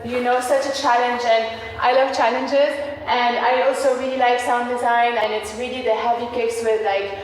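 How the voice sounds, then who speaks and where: A fairly high-voiced young woman, speaking in an earnest, reflective way as an interview guest. She sounds set back from the mic in a very echoey space with a long hall reverb. A faint hum of noise sits underneath. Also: flat delivery, moderate pace, few pauses, recorded from a distance. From Lebanon. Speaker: music producer and DJ guest. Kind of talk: casual interview chat. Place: Beirut.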